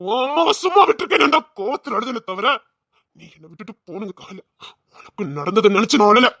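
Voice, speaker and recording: An actor playing a loyal husband who grieves and rages. He speaks forcefully, choked up, and pleads. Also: very high voice, expressive, fast talker, no echo, studio quality, full character voice. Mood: furious grief.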